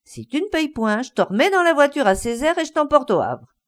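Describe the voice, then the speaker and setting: A woman's voice: sits high, big pitch swings, a little fast, voice pushed up. A woman voicing a big, burly male country man who bosses others in rustic peasant speech. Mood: bossy.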